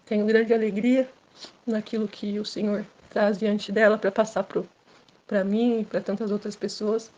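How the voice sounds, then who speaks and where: At church, a Brazilian woman from São Paulo state tells her personal story with earnestness and emotion, climbing in pitch and intensity as events intensify. Her voice is dark, with a flat delivery at a moderate pace.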